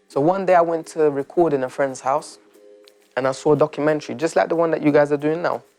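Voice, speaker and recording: Gravelly man telling his story. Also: fairly high pitch, fairly even intonation, darkish tone, soft background music. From Turkey. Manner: reflective, halting, frequent restarts. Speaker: interviewee. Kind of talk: documentary interview, personal story.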